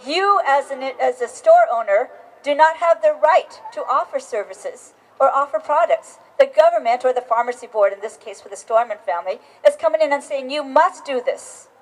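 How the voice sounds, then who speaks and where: A woman's voice: sits high, animated, normal speed, rough recording. A middle-aged woman giving an emphatic political speech outdoors at a rally, often restarting her sentences. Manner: emphatic, insistent, with many restarts. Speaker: rally speaker. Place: outdoors on capitol steps.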